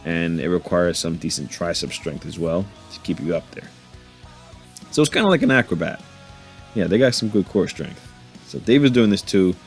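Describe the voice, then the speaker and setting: A man's voice: deep voice, moderate pace, darkish tone. A man giving a casual, joking voice-over commentary on his own workout footage. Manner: laid-back, joking, laughs to himself. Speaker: fitness vlogger narrating his workout. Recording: voice-over with faint background music.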